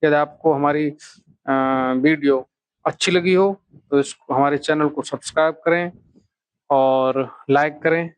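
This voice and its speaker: A man teaching a children's phonics lesson at an unhurried, deliberate pace, stretching each syllable long. His voice sits a little high for a man and sounds dry and close. He keeps prompting his young learners to say the sounds back loudly. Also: fairly even intonation, smooth, no echo. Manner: slow, drawn-out syllables, coaxing children to repeat aloud.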